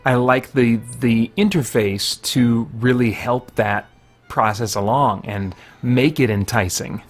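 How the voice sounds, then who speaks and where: A man reviews a video game while playing, chatting casually, thinking aloud, and tossing out mild slangy exclamations. His voice is medium-pitched and slow, with faint music behind it.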